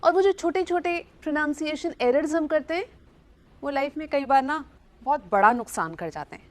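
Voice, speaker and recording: A woman's voice: high-pitched, lively intonation, moderate pace. A young woman giving a chatty pronunciation lesson, playful and teasing, spelling words out letter by letter. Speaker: pronunciation teacher.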